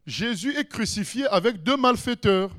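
A man's voice: high voice, lively intonation, moderate pace, fairly bright tone. A man preaching a sermon in an emphatic way, with sudden rises in his voice.

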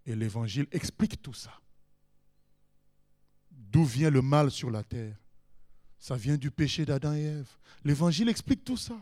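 A man preaching a sermon in an emphatic way, with sudden rises in his voice. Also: mid-range voice.

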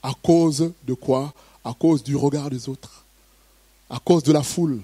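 A man's voice: mid-range voice, fairly even intonation, a little slow, mellow, slightly rough, no echo. A man preaching a sermon, first reading a Bible passage steadily, then preaching with emphatic, rising bursts.

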